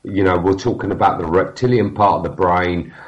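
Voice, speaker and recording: Talking casually on a podcast, a man with a deep voice and a cold keeps stumbling, using many fillers, restarting, and losing track of what he was saying. The audio is dull and lo-fi.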